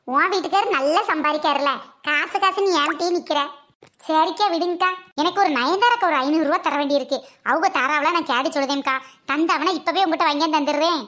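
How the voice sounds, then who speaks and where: A woman's voice: high voice, bright, forceful tone. A woman with a sore throat, voicing several village women in teasing comic banter. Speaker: comedy skit performer.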